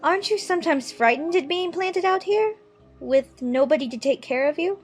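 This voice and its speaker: A woman's voice: extremely high pitch, animated, moderate pace, faint music behind. A woman playing a curious, polite, musing young girl in a dramatized children's audiobook.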